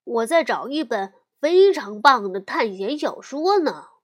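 一位女性在有声故事书里为一只胆小的小熊妹妹配音，说话时声音尖细。. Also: female voice, sing-song, a little slow. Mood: patient. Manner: shrill and frightened when scared. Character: timid little girl bear cub.

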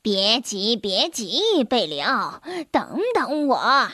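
A woman voicing a gentle, kindly male rooster in a children's storybook, speaking softly. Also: fairly high pitch, sing-song, takes it slowly, no room sound, studio quality, voice pushed down, full character voice.

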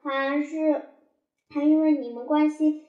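A woman's voice: high voice, steady tone, measured pace, dark tone, highs cut off. A woman voicing a sulky little girl who feels unloved and pleads tearfully with her parents. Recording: roomy echo.

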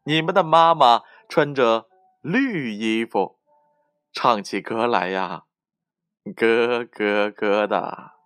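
A man voicing a kindly mother goose who answers loudly and helpfully, with faint music behind. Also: mid-range voice, slow pace, smooth.

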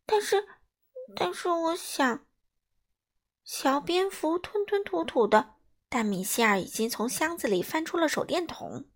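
A woman reading a story aloud for children in an expressive, sing-song way. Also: high-pitched, normal speed.

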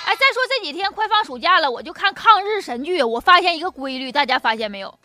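Hosting a comedy talk show, a woman with a Northeastern Chinese accent performs a comic monologue full of jokes and anecdotes, chatty, folksy, and often chuckling. Her voice is extremely high, expressive, quick, pushed, and bright, with no echo but music playing behind her.

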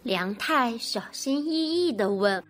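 A woman narrating a picture-book story for children in an expressive storytelling manner. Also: on the high side, takes it slowly, soft background music.

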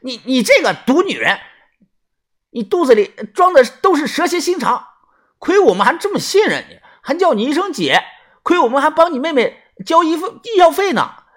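A man voicing a hot-headed young man who shouts abuse in a high, shrill voice, in a storytelling audiobook. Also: big pitch swings, normal speed. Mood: furious. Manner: high-pitched shouting, abusive.

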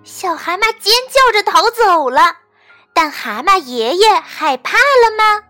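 A woman storyteller gently and expressively reading a bedtime story to children. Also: very high voice, big pitch swings, measured pace, faint music behind.

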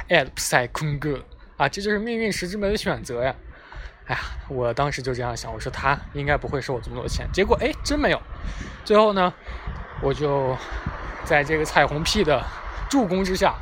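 A young man casually telling a funny story, chatty and self-mocking, talking outdoors near traffic. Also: on the high side. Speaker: vlogger. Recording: clear street and traffic noise behind. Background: passing vehicles.

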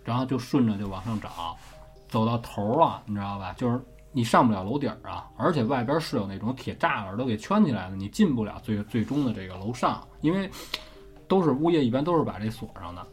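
A man's voice: medium pitch, animated, fast talker, slightly rough. Host, male, Beijing accent, casual ghost-story telling, profane and chatty, faint music bed. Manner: chatty, swears casually, keeps checking with listener.

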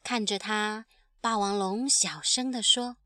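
A woman storyteller reading a picture book aloud in an animated way, acting out the sound effects. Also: mid-range voice, a little slow, no room sound, studio quality.

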